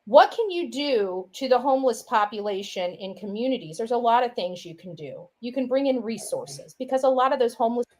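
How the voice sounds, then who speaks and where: Animated and fairly quick with few pauses, this woman's slightly high, a little mellow voice carries a casual, opinionated monologue. She rambles along, repeating herself and frequently saying "you know" and "right."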